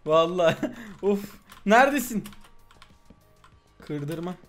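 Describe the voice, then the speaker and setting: A young man hosting a gaming video, chatting excitedly and playfully with a friend while he plays. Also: high voice, takes it slowly, soft background music. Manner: loud, playful, exclamatory, protesting innocence. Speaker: gaming channel host. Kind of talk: excited gameplay chat with a friend.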